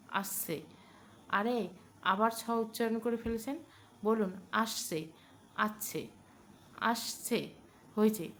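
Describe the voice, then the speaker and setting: A woman reads a romance novel aloud as a steady storyteller, her voice sitting at a middle pitch. She slows and stresses her delivery when she speaks the characters' lines. A faint ambient hum runs under the recording. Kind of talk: scripted narration of a romance novel with voiced dialogue.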